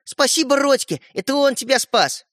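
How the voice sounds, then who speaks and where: A man voicing a curious, excitable young boy who fires off questions. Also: extremely high pitch, normal speed, no echo, clean studio sound, pitched above the performer's own voice. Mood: eager. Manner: eager, questioning.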